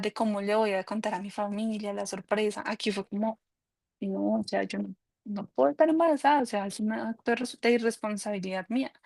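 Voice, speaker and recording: A woman, giving an earnest, halting faith testimony with frequent restarts. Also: mid-range voice, creaky, no echo. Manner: halting, many restarts and fillers, earnest and confessional.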